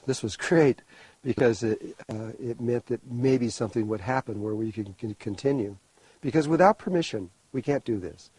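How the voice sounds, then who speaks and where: Husky, warm-toned man telling a story. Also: medium pitch, no room sound, poor audio. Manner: rambling, animated storytelling with restarts. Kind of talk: storytelling talk.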